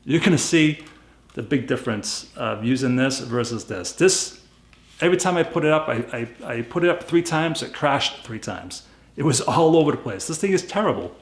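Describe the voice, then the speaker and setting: A man's voice: mid-range voice, lively intonation, normal speed, roomy sound. A man from New England with a Boston accent gives a casual, unscripted product review, plainspoken and emphatic, repeating himself for stress. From New England, USA. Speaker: YouTube gadget reviewer.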